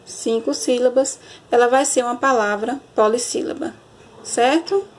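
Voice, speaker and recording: A woman teacher, giving a recorded grammar lesson and often checking understanding with a quick question. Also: on the high side. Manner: explanatory, checks understanding with frequent "certo?"; stretches and stresses example words slowly.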